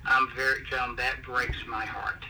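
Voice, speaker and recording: A middle-aged man on a phone call, speaking softly and carefully, with fillers. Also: medium pitch, flat delivery, unhurried, a loud crowd. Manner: soft-spoken and careful, with fillers. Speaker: brother on the phone. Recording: tinny phone line, faint hiss.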